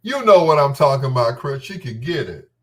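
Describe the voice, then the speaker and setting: Hosting a bedtime talk show, a man delivers a casual, unscripted monologue that is gossipy and emphatic, often repeating his phrases. His medium-pitched voice swings widely in pitch and runs a little fast.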